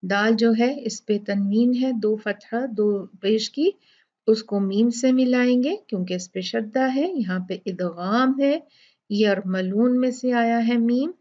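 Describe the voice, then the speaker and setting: A woman teaches recitation in a slow, unhurried way, going over each rule patiently with repeated examples. Her voice sits fairly high. The recording is dull and lo-fi. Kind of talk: tajweed lesson.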